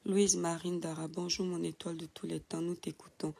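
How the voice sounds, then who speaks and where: Woman, creaky morning voice, affectionate live-stream host reading viewer names into her phone. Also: lowish voice, level tone, moderate pace, mellow. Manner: affectionate, calls viewers "my star", reads names with hesitant fillers. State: just woken up. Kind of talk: casual audio-only live chat, reading out viewer comments. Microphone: phone, audio only.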